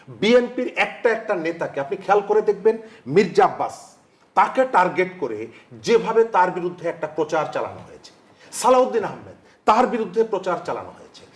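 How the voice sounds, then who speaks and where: Measured man, rhetorical debater. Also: high voice, roomy sound. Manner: measured, pointed, rhetorical questions. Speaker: talk show guest. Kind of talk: political debate.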